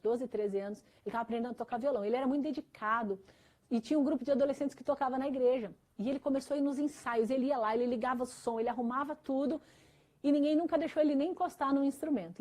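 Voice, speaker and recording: The speaker is a woman pastor giving testimony in a church interview; her fairly high, darkish voice carries a Brazilian Portuguese accent. She tells her personal story earnestly, with many fillers.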